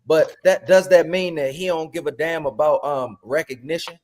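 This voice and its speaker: High-voiced profane man ranting on a podcast. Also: normal speed. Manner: animated, profane, repeats phrases for emphasis. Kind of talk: casual podcast chat.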